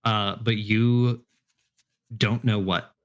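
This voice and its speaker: A man running a tabletop game as game master, giving rulings in a relaxed, matter-of-fact way. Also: lowish voice, drawn-out words, lo-fi sound.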